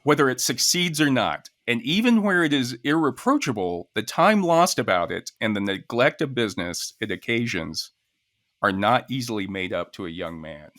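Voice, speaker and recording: Jovial male podcast co-host, lively intonation. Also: medium pitch, moderate pace. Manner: jovial, chuckles through his talk. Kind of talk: casual chat, relaying and quoting research.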